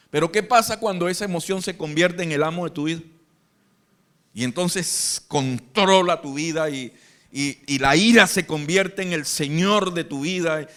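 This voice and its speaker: A man with a Venezuelan accent preaching a lively sermon live in church, acting out the Bible scenes in different voices. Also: a little high. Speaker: pastor. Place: church hall.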